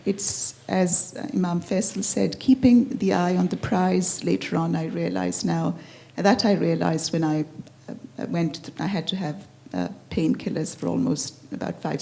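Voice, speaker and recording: A woman with a gravelly, low voice shares a personal reflection at a retreat. She speaks earnestly and haltingly, and her tone is dark and mellow. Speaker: retreat participant sharing.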